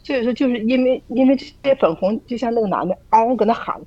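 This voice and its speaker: A woman's voice: on the high side, animated, fast, breathy edge, dry recording, highs cut off. A woman sharing her views in a casual group call, earnest and full of rhetorical questions, often restarting her sentences. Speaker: church group member sharing.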